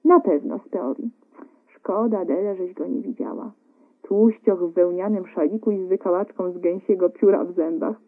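A woman's voice: fairly low pitch, normal speed, breathy edge. A woman reading a cheerful young husband. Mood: boasting. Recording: narrow phone-like radio sound.

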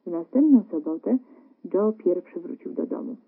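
A woman reading a literary story aloud as narrator, calm and measured. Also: lowish voice, vocal fry, husky. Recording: narrow phone-like radio broadcast.

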